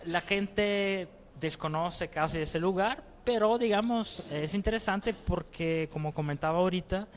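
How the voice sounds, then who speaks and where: A man from Italy with an Italian accent, speaking Spanish as a guest in a casual interview, reflective and hesitant with frequent pauses. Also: sits high, a little hiss or hum.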